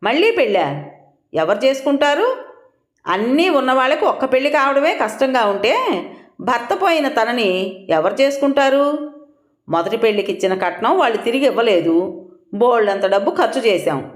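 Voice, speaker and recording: Woman doing angry scolding family man, lively swinging voice, roomy echo. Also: on the high side, moderate pace, pauses often. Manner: scolding, shouting.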